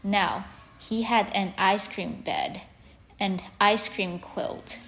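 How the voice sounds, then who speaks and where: Slow, clear woman reading a children's story. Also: medium pitch, pushed and bright.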